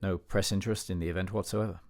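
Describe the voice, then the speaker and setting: A radio-play memoir is told by a man playing a cultured older gentleman who disapproves of much. His voice sits low and holds a steady tone, delivered formally and with dignity in a measured, reflective mood.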